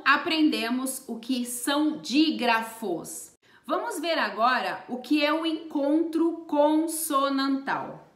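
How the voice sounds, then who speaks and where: A woman's voice: high voice, a bit bright, roomy sound. A woman teaching a Portuguese grammar lesson, spelling out letters and stressing each example word. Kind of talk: slow, deliberate grammar lesson.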